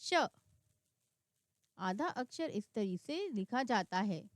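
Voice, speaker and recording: A woman teacher giving a reading lesson for children, slowly and clearly sounding out words one by one. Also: medium pitch, very animated, no room sound.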